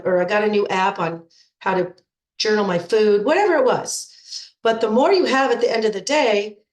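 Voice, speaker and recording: A middle-aged nutrition coach with a head cold speaks in a medium-pitched, stuffed-up voice. She talks informally to her program members, often repeating words as she restarts, and the audio is poor and reverberant.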